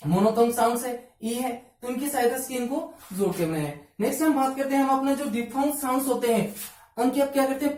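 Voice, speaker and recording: A woman's voice: fairly high pitch, dark tone. A woman teaching an exam-prep phonetics lesson, drilling students by asking questions and answering them herself. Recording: echoey room, distant mic.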